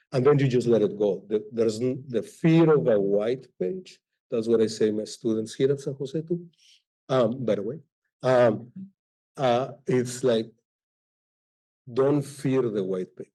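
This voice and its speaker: Man, author on a panel, halting delivery, searching for words, mellow dark tone. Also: medium pitch. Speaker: author on a panel, also teaches. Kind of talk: live panel talk at a library event. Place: library event hall.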